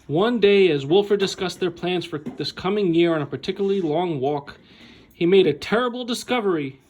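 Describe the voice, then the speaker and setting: Here a man sits high in pitch as he reads a picture book aloud with animated, deliberate phrasing. Dramatic pauses and an expressive delivery make him sound like a school staffer leading storytime.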